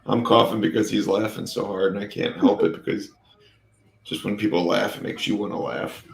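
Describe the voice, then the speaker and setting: A man's voice: lowish voice, fairly even intonation, fairly quick, vocal fry, slight background noise. A man co-hosting a casual chat, teasing the others and laughing easily. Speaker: co-host. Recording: roomy echo.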